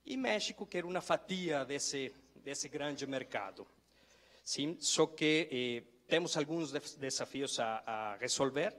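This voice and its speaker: A man's voice: medium pitch, expressive, slow pace, a bit bright. A middle-aged man giving a conference presentation, hesitant and often correcting himself. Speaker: trade promotion representative. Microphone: handheld microphone. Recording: reverberant conference hall.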